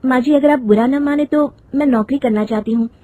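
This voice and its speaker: A woman's voice: high voice, fairly quick, dark tone, no room sound, pitched above the performer's own voice. A woman voicing a polite, hesitant young daughter-in-law in a cartoon story. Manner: polite, timid.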